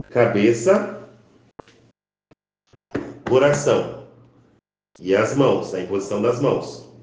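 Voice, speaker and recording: A man teaching a spiritual class, reciting prayers and drawn-out chants to a camera. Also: on the low side, darkish tone, dull audio. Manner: slow, intoning, drawn-out chanting delivery. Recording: very echoey room.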